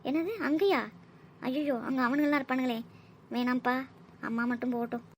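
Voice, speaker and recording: A woman voicing a nervous young woman in a cartoon, muttering her worries in a hushed voice. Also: high-pitched, fairly quick, slight background noise, lightly acted. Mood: alarmed. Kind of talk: cartoon voice acting.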